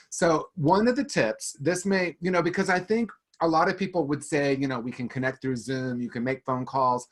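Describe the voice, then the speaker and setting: Casting: man, mid-pitched, webinar panelist, earnest and reassuring. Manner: earnest, gently encouraging.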